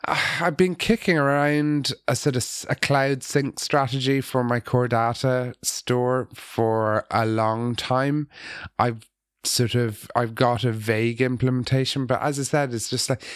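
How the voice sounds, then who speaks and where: A man's voice: mid-range voice, fairly even intonation, unhurried, no echo, clean studio sound. A man co-hosting a casual tech podcast about app development, talking in a hesitant way with many ums and restarts.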